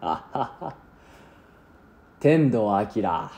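A man voicing a gleeful young male villain who gloats slowly and savors each word. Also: lowish voice, big pitch swings, darkish tone, full character voice. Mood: gloating. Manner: slow, drawn-out, gloating.

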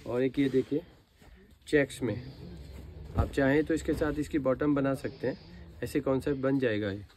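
An Indian man delivers an eager, informal teleshopping pitch, urging viewers to buy. His voice sits at a medium pitch with a dark, mellow tone. A little ambient noise runs behind him. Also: normal speed. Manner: eager, urging sales patter, repeatedly addressing viewers. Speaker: fabric seller and channel host.

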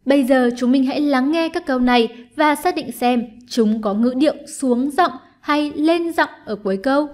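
A woman teacher giving an online lesson, explaining patiently and clearly, step by step, to her students. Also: sits high, moderate pace, hardly any pauses, a little mellow. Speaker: English teacher.

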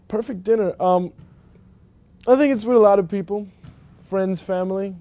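A young college athlete from Germany answers questions in a relaxed, halting way, full of ums and restarts. His voice is mellow and a little high for a man. He sits in an empty indoor arena. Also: no echo. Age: young adult. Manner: hesitant, many fillers and restarts. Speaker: college basketball player. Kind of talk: casual interview answers.

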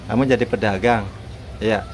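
A man's voice: lowish voice, fairly even intonation, moderate pace, a little hiss or hum. A man chatting playfully with his pet bird at home, coaxing it to repeat words and teasing it, recorded on a handheld phone. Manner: playful and teasing, laughs often. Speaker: bird owner and seller. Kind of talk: casual chat with a pet bird.

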